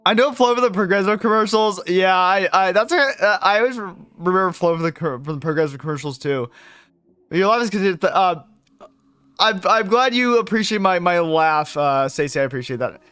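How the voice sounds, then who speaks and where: A young man with a high, smooth, clear voice chats with viewers during a live game stream. He rambles, swears without a second thought and breaks into laughter easily. The sound is dry and close, with faint music under him. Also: animated, brisk, pushed and bright, dry recording. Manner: rambling, curses freely, laughs often.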